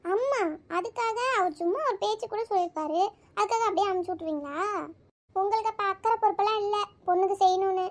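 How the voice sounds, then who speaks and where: A woman's voice: very high voice, fast. A woman voicing a flustered young bride-to-be in a cartoon, who protests urgently. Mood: protesting.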